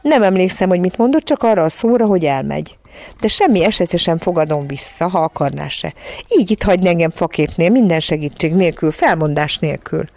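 A woman's voice: lowish voice, lively intonation, darkish tone. Woman voicing an indignant ranting mother. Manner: exasperated, ranting. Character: indignant middle-aged mother, scolding.

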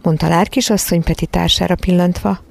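A woman reading a children's story aloud in an expressive storytelling manner. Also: lowish voice, vocal fry. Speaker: reader.

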